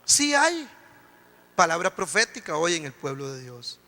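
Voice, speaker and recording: A man's voice: fairly high pitch, very animated, unhurried, bright, forceful tone. A man pastor preaching a sermon, impassioned, often calling the congregation "brother". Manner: impassioned preaching, repeated "hermano" address. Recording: long hall reverb.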